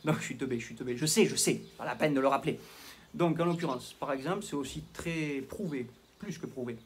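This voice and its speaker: A man's voice: on the high side, a little fast, a little hiss or hum. A man with a southwestern French accent, a health coach talking to camera in a rambling, self-mocking, digressive way. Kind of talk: casual talking-head monologue.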